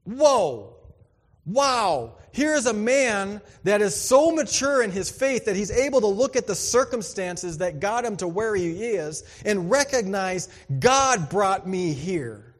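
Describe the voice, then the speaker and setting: A male pastor preaching a conversational sermon, swinging from emphatic bursts to hushed asides. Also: sits high, expressive, measured pace, few pauses, in a large hall.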